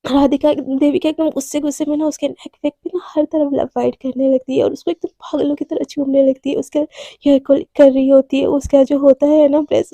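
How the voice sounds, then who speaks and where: A woman's voice: high voice, dark tone, no echo. A young woman casually narrating a romance story, chatty and full of fillers and asides to the listener.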